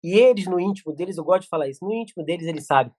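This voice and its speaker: A man's voice: high voice, animated, a little mellow, no room sound, studio quality. A middle-aged man, a podcast guest telling stories in casual chat with many restarts. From Brazil. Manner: rapid storytelling with many restarts.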